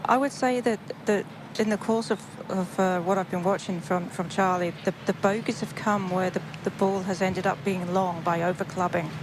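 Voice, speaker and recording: A woman's voice: mid-range voice, steady tone, normal speed, few pauses. A woman working as a golf commentator, giving analytical live commentary from an outdoor broadcast. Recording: outdoor broadcast with clear background noise.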